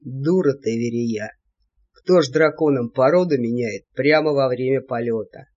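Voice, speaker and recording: A reader voicing a grumpy old male devil who scolds his niece in a gruff, lowered voice, in a storybook reading. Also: normal speed, a little mellow, natural voice. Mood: scolding. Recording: dull lo-fi audiobook recording.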